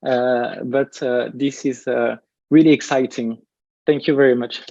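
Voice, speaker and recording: A man's voice: mid-range voice, fairly even intonation, unhurried, darkish tone, dry recording, lo-fi sound. A man with a French accent presenting his research at a conference, hesitant with many fillers and repeated words.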